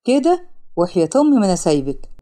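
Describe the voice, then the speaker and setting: A woman's voice: medium pitch, big pitch swings, very fast, dark tone. A woman voicing a menacing young male thug with an Egyptian accent, threatening in a mocking, sleazy sweet tone in a storybook narration. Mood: furious. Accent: Egyptian Arabic.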